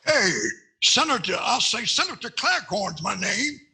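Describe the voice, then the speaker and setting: An older man playing a blustering, boastful Southern senator in a 1940s radio comedy style, raspy and repeating himself. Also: high-pitched, very animated, measured pace, pushed and bright, slight background noise, exaggerated voice. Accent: American South.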